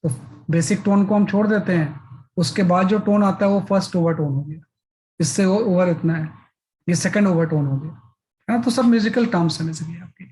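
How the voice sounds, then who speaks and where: Physics teacher explaining step by step. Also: male voice, high voice, brisk, warm tone, poor audio. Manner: explains step by step, repeats filler "है ना". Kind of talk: classroom lecture.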